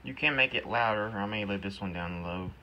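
This vlogger has a lowish male voice and thinks aloud in an offhand, halting way while demonstrating a gadget hands-on and muttering to himself. He's in a cluttered room at home, holding a phone or camera close to the device. The muffled, noisy handheld recording is full of loud noise, button clicks and beeps from the device.

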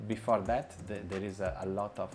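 A chef and restaurant owner in his forties answers interview questions hesitantly, full of fillers, restarts and shaky grammar. His voice is on the low side, flat and a little fast. He is in a bright indoor room with a light wall, and background music runs as a bed under his voice.

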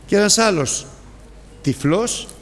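A male preacher giving a sermon, telling the story dramatically with big swings in pitch and loudness. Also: lively intonation, faint music behind. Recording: long hall reverb.

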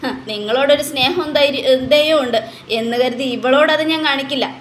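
Storybook mother figure, furious and scolding, read by a woman; high-pitched, echoey room. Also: brisk, slight background noise, natural voice. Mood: fierce. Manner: fierce, scolding. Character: angry young mother defending her baby.

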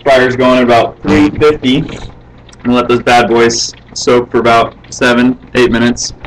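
Easygoing home cook, mid pitch, heard from across a noisy kitchen. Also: male voice, flat delivery, a little slow. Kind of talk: casual kitchen chat. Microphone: camera across the room. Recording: distant camera with noticeable noise.

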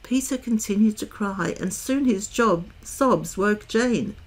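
A woman reading a children's novel aloud in a calm, measured way. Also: mid-range voice. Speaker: storyteller.

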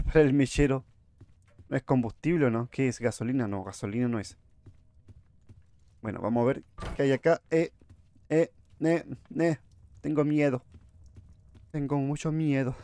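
A man's voice: mid-range voice, dark tone, smooth. A man giving jumpy, chatty horror game commentary, talking to his viewers. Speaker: gamer streamer.

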